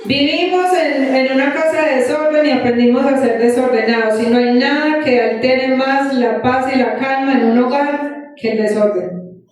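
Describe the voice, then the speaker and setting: High-voiced woman preaching in an echoing church. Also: moderate pace. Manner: animated, exhorting, asking the congregation questions. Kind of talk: sermon. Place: church hall. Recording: echoey church from far off.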